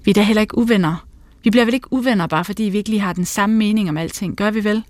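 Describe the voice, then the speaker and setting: A sharp-tongued, irritable woman in her forties, voiced by a woman reading aloud. She talks in heated bursts and mocks the person she is arguing with. The sound is dry and close. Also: medium pitch, no echo, lightly acted. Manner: heated, mocking, speaks in bursts.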